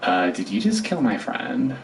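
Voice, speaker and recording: A man playing a sullen, sarcastic captive prison guard in a tabletop game, speaking in a casual, drawn-out way. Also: medium pitch, big pitch swings. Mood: sardonic. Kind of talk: tabletop role-play. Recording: roomy, distant mic with clear background noise.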